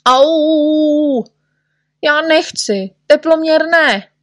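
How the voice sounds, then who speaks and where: A woman's voice: on the high side, lively intonation, no echo, clean studio sound. A woman voicing a clumsy, boastful little male shorty who yelps and whines about pain. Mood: whining. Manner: whiny, yelping, scared of pain.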